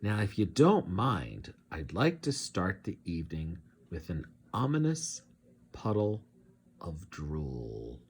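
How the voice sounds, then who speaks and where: A huge male monster from a children's storybook, acted out by a reader, speaks in a low growl. He is slow and drawling, with a menacingly polite manner. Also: huge pitch swings, slightly rough, heavily acted. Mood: menacing, genial.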